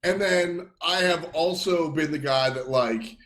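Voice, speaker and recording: A man co-hosting a podcast in casual chat, animated and acting out quotes in lively voices. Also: fairly high pitch, measured pace. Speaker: podcast co-host.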